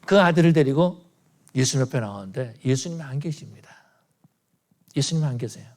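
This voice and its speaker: A man preaching a sermon, retelling stories with quoted speech, swelling loud then falling to a near whisper. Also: mid-range voice, lively intonation, fairly quick. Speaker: pastor.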